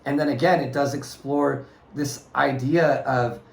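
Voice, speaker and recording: A man's voice: medium pitch, steady tone, a little slow, gravelly, a little mellow. A man co-hosting a casual movie review chat, earnest and discursive, often restarting his phrases. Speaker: podcast co-host. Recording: roomy echoey room sound.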